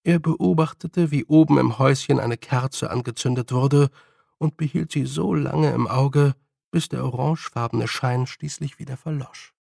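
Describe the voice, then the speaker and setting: Gravelly male storybook narrator. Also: mid-range voice, normal speed, darkish tone, dry recording, studio quality. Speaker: audiobook narrator.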